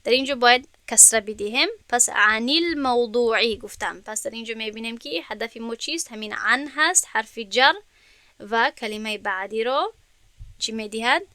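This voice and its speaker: A woman's voice: a little high, pushed and bright, no echo. A woman with a Tajik-influenced Persian accent teaching an Arabic grammar lesson, explaining step by step and checking whether her students understood.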